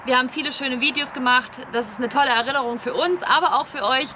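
A woman's voice: high-pitched, quick pace, pushed and bright. A young woman vlogging casually to camera while seated in a van outdoors, chattily going through numbers one by one. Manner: chatty, lists figures step by step. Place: outdoors on a street, seated in an open van boot. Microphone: camera at a few metres. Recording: outdoor street noise behind.

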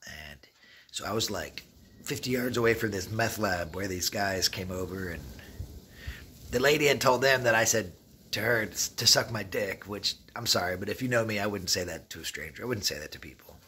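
Slight background noise accompanies this travel vlogger, a man in his thirties with a rough, lowish voice and moderate pace. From inside an open derelict wooden shack he casually tells rambling, streetwise stories to the camera, acting out dialogue with animation, captured on a phone or camera at arm's length.

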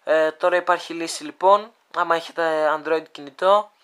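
A speaker with a smooth, clear voice walks viewers through a phone app at a middle pitch. The delivery is halting, full of pauses and restarts while thinking aloud, and addresses the audience like friends. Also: fairly even intonation, fairly bright tone. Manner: hesitant, thinking aloud, many fillers. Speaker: video creator demonstrating a phone app. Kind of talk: casual screen demo walkthrough.

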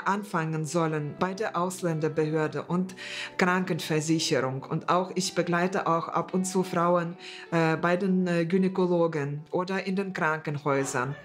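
Low-voiced Ukrainian woman, hesitant German. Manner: hesitant, many fillers. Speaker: interpreter helping refugees. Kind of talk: interview. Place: bright living room indoors.

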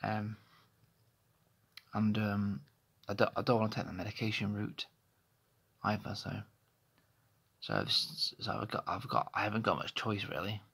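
A vlogger in his thirties talks candidly into a phone held close to his face in a small bedroom, a personal monologue that's hesitant and rambling with many restarts. His fairly low voice moves at a moderate pace, creaky and fairly bright with a breathy edge, and he pauses often.

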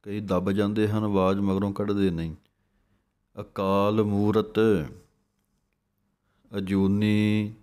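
A man's voice: on the low side, darkish tone. A man with a Punjabi accent teaching careful scripture pronunciation, sounding words out syllable by syllable and then explaining them. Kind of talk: slow, careful recitation lesson.

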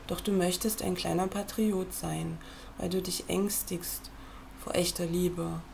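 Reading a book aloud from her computer screen, a woman speaks in a gravelly voice edged with vocal fry, measured and earnest, as if addressing the listener directly. Her pitch is fairly low and level, slightly mellow, with a little hiss or hum in the background.

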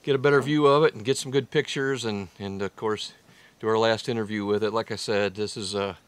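Low-voiced man, casual outdoor hunting vlogger. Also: fairly even intonation, a little fast, clear, resonant tone, distant mic. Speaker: hunting show host. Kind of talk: casual hunting vlog to camera. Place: hunting blind and outdoor bushland.

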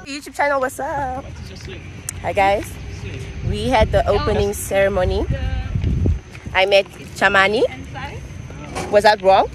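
A young Namibian woman vlogs about her travels, talking casually and directly to her viewers in a chatty way full of fillers. Her voice is medium in pitch, with a measured pace and long pauses.

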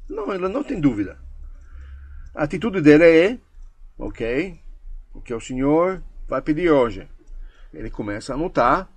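A man's voice: medium pitch, a little mellow, slightly rough, no room sound. A man teaching a course, speaking emphatically in a coaching manner and acting out short example dialogues. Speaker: language course instructor. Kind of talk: instructional talk.

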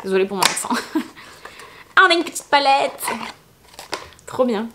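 A woman's voice: sits high, expressive, normal speed, noisy background. Chatty young woman. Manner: chatty and enthusiastic, many fillers and little exclamations. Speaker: beauty vlogger. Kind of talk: casual unboxing chat.

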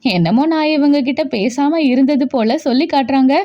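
A woman's voice: sits high, moderate pace, highs cut off, lightly acted. Woman voicing a young injured son. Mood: casual, teasing. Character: young adult man, injured son, moody then teasing.

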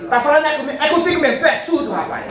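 High, swooping, cheeky puppet fellow. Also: animated, very fast. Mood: defiant. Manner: exclamatory, bantering. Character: cheeky, quarrelsome male puppet characters in a folk show. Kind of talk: live folk puppet theatre. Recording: echoey venue, distant, audience chatter.

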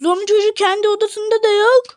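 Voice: very high voice, flat delivery, fast talker, darkish tone, no echo, clean studio sound. A host talking casually to viewers while playing a hide-and-seek game, chatty and direct, often calling out to the audience. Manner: chatty, addresses viewers as "arkadaşlar". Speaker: Minecraft channel host.

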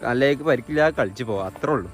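A man's voice: mid-range voice, racing, faint music behind. A young man with a Malabar Malayalam accent, chatting casually on an outdoor vlog and dropping English words into his Malayalam. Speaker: vlogger. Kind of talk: casual chat with a companion. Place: outdoors on a hilltop.

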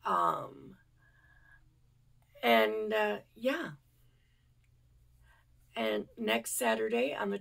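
Congested and stuffy with a cold, a woman from the United States rambles casually to camera on her yarn channel, using plenty of fillers. She has a husky, mid-range voice with vocal fry.

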